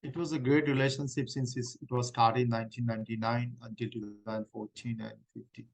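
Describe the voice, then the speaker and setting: Man voicing a distressed woman claimant, halting, flat monotone, mock hearing role-play. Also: mid-range voice, natural voice, poor audio. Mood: earnest. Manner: halting, many restarts. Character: middle-aged woman refugee claimant, distressed.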